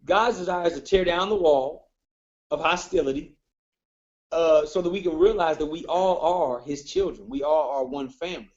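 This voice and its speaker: A man's voice: high-pitched, a little mellow, muffled recording. A man co-hosting a podcast in casual chat, with a preacherly tone and frequent stammering restarts. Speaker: podcast co-host.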